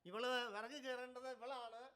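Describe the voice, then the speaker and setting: A man preaching, telling a story lively and quizzing his congregation. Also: very high voice, normal speed. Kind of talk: storytelling sermon. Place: church gathering.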